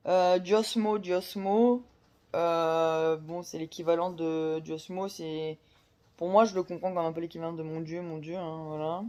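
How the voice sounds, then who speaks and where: Woman, casual book chat, slightly low pitch, hesitant, filler-heavy. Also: level tone, normal speed, darkish tone. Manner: hesitant, many fillers and restarts. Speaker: book vlogger. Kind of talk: casual chat about books.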